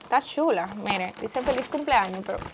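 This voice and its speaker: A woman's voice: a little high, animated, a little fast, background noise. A woman, chatting casually in a vlog as a mother. She gushes and squeals over cute things and drops English words into her speech. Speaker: mother unboxing birthday gifts.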